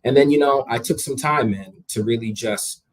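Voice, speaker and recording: As a guest in an easygoing interview, a young man of Jamaican heritage talks with conversational energy, often repeating himself as each sentence starts. His voice is medium-pitched at a moderate pace, and the audio is poor.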